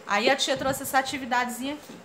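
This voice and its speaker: A Brazilian woman teaching a children's grammar lesson, animated and playful as she reads out comic strip lines. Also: high voice, fast, slight background noise. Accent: Brazilian Portuguese. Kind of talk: lively classroom lesson for children.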